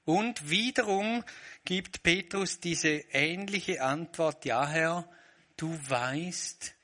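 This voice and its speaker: A man's voice: a little high, extremely slow, pushed and bright. A man preaching a sermon, reflective, voicing short quoted lines with changing emphasis.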